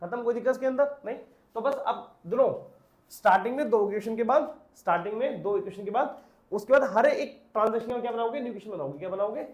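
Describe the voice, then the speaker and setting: A man with a fairly high voice gives an accounts lesson at a brisk clip. He poses questions to the class and answers them himself. The sound is roomy, with a noticeable echo. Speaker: accounts teacher. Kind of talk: classroom lecture.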